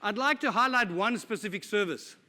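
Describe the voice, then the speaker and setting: This is a live conference talk in a big, echoing hall, delivered by a middle-aged speaker from South Africa. He sounds animated and a little fast, his slightly high voice bright and forceful, as he jokes casually and pokes fun at himself.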